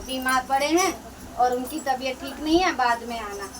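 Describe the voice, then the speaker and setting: A woman's voice: high voice, moderate pace, a little hiss or hum, natural voice. Woman doing a stingy, evasive village man. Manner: evasive, makes excuses. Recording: distant mic, crowd around.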